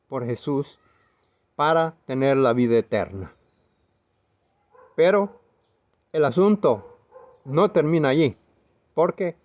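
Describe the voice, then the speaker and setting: A man's voice: medium pitch, a little mellow. A man preaching a video sermon in an earnest, emphatic way, now and then correcting himself.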